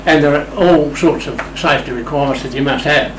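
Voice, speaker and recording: An Australian man, a guest in an interview, chats and tells stories in a rambling, unscripted way. His voice is fairly high and brisk. The recording is roomy, with a distant mic and loud room hum.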